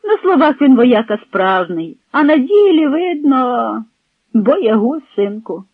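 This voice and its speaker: A man's voice: extremely high pitch, very animated, takes it slowly, no room sound, narrow, tinny audio, pitched above the performer's own voice, exaggerated voice. A man reading the lines of a fretful, tender old peasant mother.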